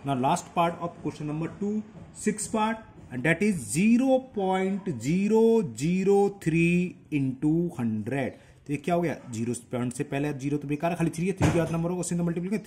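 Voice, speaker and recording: Lively, higher-voiced man teaching maths. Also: a little hiss or hum. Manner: counts decimal places aloud, keeps checking in with the class. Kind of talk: solving textbook exercises aloud.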